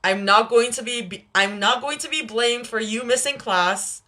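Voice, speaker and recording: A young woman hosting a livestream, chatting casually with viewers, laughing often between quick asides. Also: a little high, bright, forceful tone. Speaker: livestream host reading chat. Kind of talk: casual live chat with viewers.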